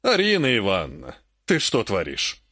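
A man reading an audiobook, voicing an emperor who speaks softly and in a measured way. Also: medium pitch, big pitch swings, no echo, studio quality. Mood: mild placating. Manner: soft, placating, measured. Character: calm, mild-mannered male emperor, later irritated.

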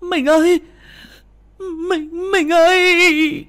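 A man voicing an older village wife who wails and berates her husband in a shrill voice. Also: level tone, very slow, fairly bright tone, heavily acted. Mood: wailing. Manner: wailing, berating.

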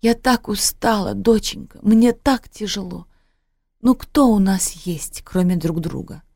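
A woman's voice: low voice, a little slow, gravelly, mellow, husky, no echo, clean studio sound, full character voice. Woman voicing a tearful pleading mother. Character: weary middle-aged mother, pleading and tearful.

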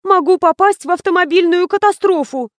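A woman's voice: very high-pitched, a little slow, no room sound, studio quality, voice pushed up. Woman putting on a whiny fake-sick young woman. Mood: pleading whine.

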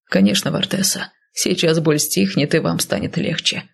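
Woman reading as a calm, dry male healer. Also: low-pitched, moderate pace, gravelly, husky, exaggerated voice. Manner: level, dry, matter-of-fact.

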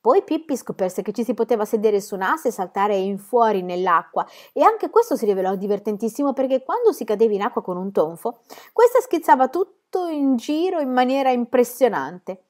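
A woman reading a children's book aloud in an expressive storytelling way. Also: a little high, fairly quick. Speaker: reader.

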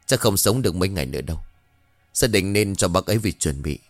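A man voicing a measured, formal doctor who breaks bad news in a story. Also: low-pitched, animated, no room sound, soft background music. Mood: solemn. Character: calm middle-aged male doctor.

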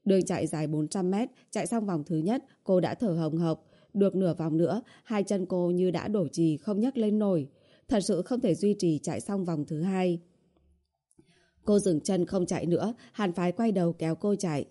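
A woman narrating an audiobook with steady storytelling. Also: lowish voice, normal speed. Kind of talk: scripted narration.

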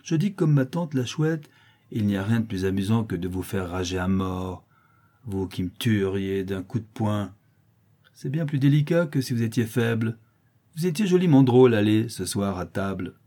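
A man's voice: on the low side, animated, normal speed, warm tone. A man voicing a lame, mocking boy who taunts cruelly in a sing-song way. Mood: taunting.

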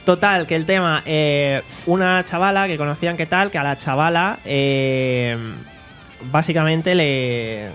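Chatty man with a higher voice. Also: a little slow, fairly bright tone. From Alicante, Spain. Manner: chatty, rambling anecdotes. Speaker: podcast co-host. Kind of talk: casual storytelling chat. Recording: faint guitar music behind.

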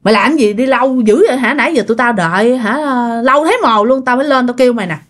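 Brief: a blunt, impatient young woman, as the storyteller plays her. Bossy, clipped, a little higher than most women's speech. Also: fast talker, close to an everyday voice. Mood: irritated.

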